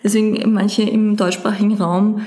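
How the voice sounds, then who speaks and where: A woman's voice: mid-range voice, little pitch movement, moderate pace, mellow, echoey room. A woman explaining a book in a casual chat, searching for words with many fillers. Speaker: podcast co-host presenting a book.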